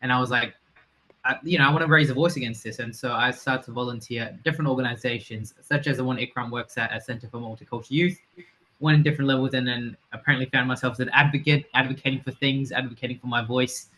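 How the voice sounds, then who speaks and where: A young man talks eagerly on a video-call panel. His voice is bright and forward, and his delivery is quick and earnest. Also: medium pitch, fairly even intonation, rough recording. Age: young adult. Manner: enthusiastic, earnest. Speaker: panellist, youth advocate. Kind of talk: casual panel talk. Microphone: online video call.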